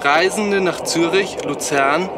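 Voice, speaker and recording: An actor playing a train conductor, making a formal, measured train loudspeaker announcement. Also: male voice. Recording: distant voice over loud train noise. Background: rumbling train and outdoor ambience.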